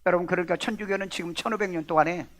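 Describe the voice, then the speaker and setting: A male pastor preaching a sermon, putting questions to the congregation and acting out quoted voices. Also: very fast. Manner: lively preaching, swings between loud exclamations and low asides.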